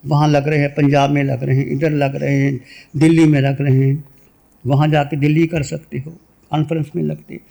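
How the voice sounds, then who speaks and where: A man giving a religious sermon and a guided meditation, speaking in a measured way and repeating short phrases. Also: on the high side, little pitch movement, creaky, warm tone. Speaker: Jain monk giving a discourse.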